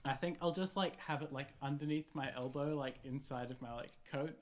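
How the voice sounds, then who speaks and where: A man's voice: medium pitch, a little fast. A man playing in a tabletop game, rambling and filler-heavy as he talks through his ideas. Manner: rambling, filler-heavy speech full of likes. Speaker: player. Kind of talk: casual tabletop play.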